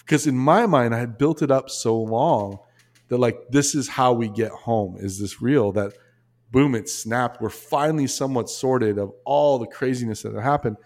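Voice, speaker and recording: A man appearing as a podcast guest tells a story casually and animatedly, with plenty of restarts and asides. His voice is mid-range and his speed is normal.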